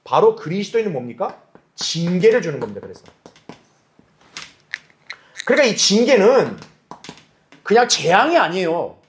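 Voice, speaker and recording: A man's voice: high voice, big pitch swings, moderate pace, pauses often, slight background noise. A male pastor teaching a Bible class, asking his listeners rhetorical questions and acting out little dialogues. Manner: acts out quoted voices in dialogue. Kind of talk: Bible study lecture.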